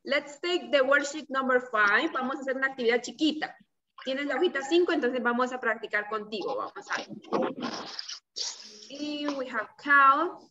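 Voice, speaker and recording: A young woman, a native Spanish speaker, teaches small children in a slow, simple, encouraging way, as if talking to a toddler, having them repeat words. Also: high-pitched, pushed and bright. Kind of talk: preschool vocabulary lesson for repeat-after-me practice. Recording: distant, slightly muffled video-call audio.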